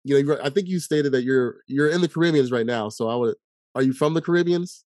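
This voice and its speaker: A man's voice: medium pitch, fast talker, a little mellow, no echo, studio quality. A man hosting an interview, asking long rambling questions full of "you know". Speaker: podcast host. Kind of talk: conversational interview.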